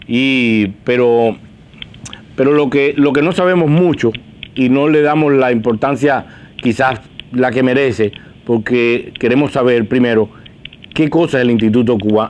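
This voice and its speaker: A man's voice: mid-range voice, moderate pace, a little mellow, slight background noise. Chatty man hosting a show. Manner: chatty, repeats himself, restarts phrases. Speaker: host. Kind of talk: news talk show interview. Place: large TV newsroom studio.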